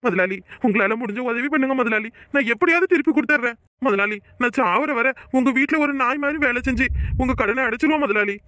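A man's voice: very high voice, quick pace, sharp tone, dry recording. A man voicing a poor village cowherd who pleads and wails in a cartoon. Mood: pleading. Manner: pleading, wailing. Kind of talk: cartoon voice acting.

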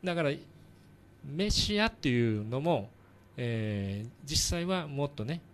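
A man talks on a community radio show, working through his explanation with frequent pauses and fillers. His voice sits at a middle pitch, and a faint noise floor hums under the studio sound. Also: expressive. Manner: halting, many fillers, explains patiently. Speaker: church radio show host. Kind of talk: casual explanatory radio talk.

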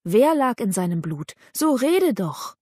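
A woman's voice: on the high side, sing-song, unhurried, mellow, no echo, clean studio sound. A woman reading an anxious young noblewoman. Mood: urgent questioning. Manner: urgent questioning. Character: young noblewoman, about nineteen, anxious and pressing.

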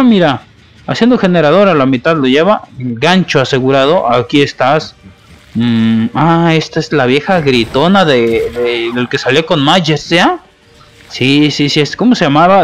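A man's voice: fairly high pitch, expressive, normal speed. A man with a Mexican accent commentating his own gameplay live, taunting his opponents with playful trash talk.

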